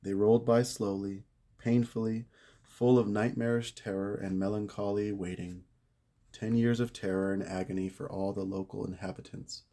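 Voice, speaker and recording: Low, mellow-voiced man reading a story. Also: little pitch movement. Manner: measured, dramatic storytelling with slowed emphasis. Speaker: reader of a saint's life. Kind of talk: read-aloud narration.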